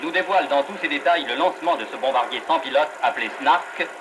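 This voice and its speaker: Man doing old newsreel commentary, high voice, loud hiss all over the old film track. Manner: brisk, emphatic announcer delivery. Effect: old newsreel soundtrack.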